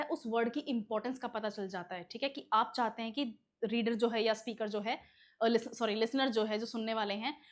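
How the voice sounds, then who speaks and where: A woman gives an exam-prep English lesson, her voice a little higher than most. She explains things patiently, one step at a time, and keeps checking that her students follow. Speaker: English teacher.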